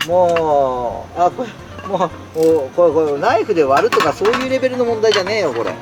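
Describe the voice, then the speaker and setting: A man's voice: fairly high pitch, expressive, brisk, music in the background. A man in a tent in the rain, chatting casually on a live stream and answering viewer comments in an exclamatory way. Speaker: solo camping streamer. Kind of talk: casual live-stream chat while camping. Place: inside a tent while it rains.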